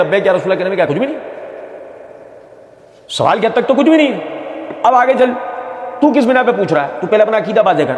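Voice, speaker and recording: A man giving argumentative religious commentary, mocking and repeating phrases for emphasis. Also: sits high. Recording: echoey room with long reverb.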